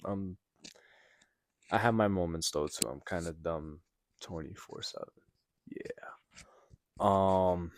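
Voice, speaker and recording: Young male podcast host, deep voice, dry room, loose rambling storyteller who swears, gets loud when shocked. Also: no room sound. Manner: rambling, heavy filler words and profanity. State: recovering from sickness. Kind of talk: casual solo storytelling. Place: apartment building room.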